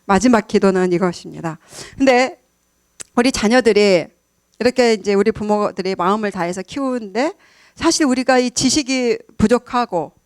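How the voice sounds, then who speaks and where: A woman's voice: medium pitch, normal speed, dry recording. A middle-aged woman giving a sermon to a congregation, telling family stories with frequent laughs and questions to the listeners. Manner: warm storytelling with frequent laughs and questions to the audience. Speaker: church speaker.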